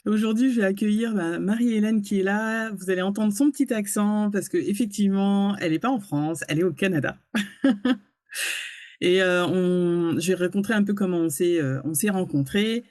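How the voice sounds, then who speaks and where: A woman hosting an interview, speaking gently and reflectively with frequent pauses and hesitations. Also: medium pitch, dry recording. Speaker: interviewer and host. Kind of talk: warm interview introduction.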